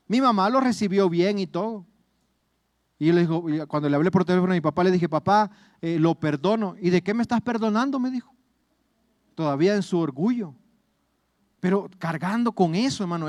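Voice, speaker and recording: Salvadoran man, middle-aged pastor, earnest sermon delivery, high-pitched voice, dry close sound. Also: dry recording. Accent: Salvadoran Spanish. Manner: earnest, repeats words and addresses listeners as brothers.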